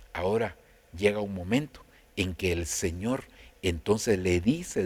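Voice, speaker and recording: Male pastor, low husky voice, conversational sermon, keeps addressing the listeners. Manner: conversational preaching, addresses listeners as brother, many restarts.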